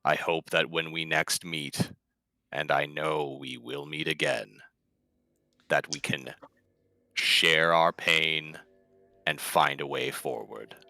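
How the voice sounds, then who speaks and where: A man playing a compassionate adventurer who speaks softly, slowly and earnestly. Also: very deep voice, expressive, creaky, no room sound, pitched below the performer's own voice, exaggerated voice. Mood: gentle earnest. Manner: soft, slow and earnest.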